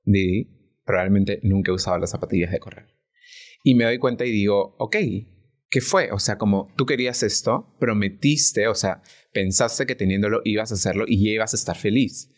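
Un hombre invitado a un pódcast que habla de forma sincera y reflexiva, y que busca a menudo la confirmación de su interlocutora. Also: male voice, lowish voice, fairly quick. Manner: earnest, reflective, often checks in with "¿no?". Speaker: podcast guest. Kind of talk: casual podcast conversation.

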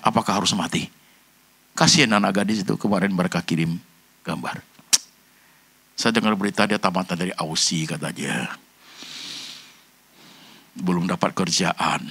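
Bright-voiced pastor preaching. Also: male voice, vocal fry, slightly rough. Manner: animated preaching, swinging between loud high bursts and low quiet passages; addresses the congregation directly, mixing in English phrases. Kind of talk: sermon.

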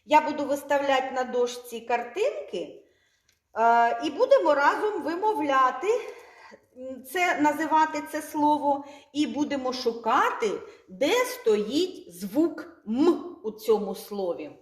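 A woman kindergarten teacher with a Ukrainian accent, speaking slowly and clearly, drawing out sounds and repeating words for the children to echo. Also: sits high, very animated. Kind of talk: slow, clearly articulated lesson for small children.

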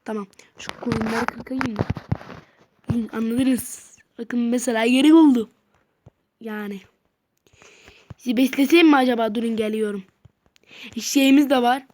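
A woman's voice: fairly high pitch, fairly even intonation, normal speed, pauses often, darkish tone. A woman giving casual, rambling let's-play commentary and chatting to her viewers while she plays. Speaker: gamer. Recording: noisy home mic with clicks.

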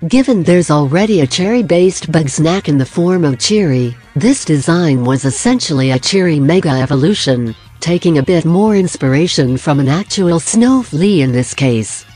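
Scripted narration, dry self-deprecating humor, mid-pitched voice, faint music underneath. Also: a little mellow, husky. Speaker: art video narrator.

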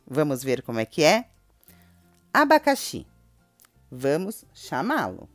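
A Brazilian woman teaching a children's grammar lesson, calling out example words in a drawn-out, sing-song voice. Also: low-pitched, huge pitch swings, no echo, soft background music. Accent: Brazilian Portuguese.

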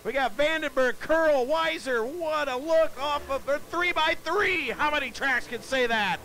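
A man calling a dirt track race live, excitable and breathless, often shouting as the action builds. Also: very high-pitched, unhurried, slight background noise. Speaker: race announcer.

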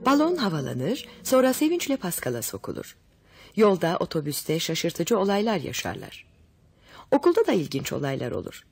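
A woman's voice: on the low side, huge pitch swings, moderate pace, creaky. A woman narrating a children's story summary and speaking directly to listeners. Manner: warm direct address to listeners. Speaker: audiobook narrator.

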